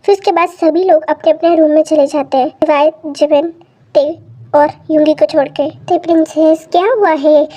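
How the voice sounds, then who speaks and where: A woman's voice: high voice, little pitch movement, moderate pace, dark tone. A young woman narrating a fan-fiction story in a plain, matter-of-fact way.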